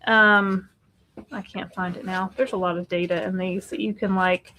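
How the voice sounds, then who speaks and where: A woman in her fifties co-hosting a live question-and-answer chat, talking with animated, exasperated bursts and laughs. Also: mid-range voice, moderate pace, slight background noise. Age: 50s. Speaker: co-host.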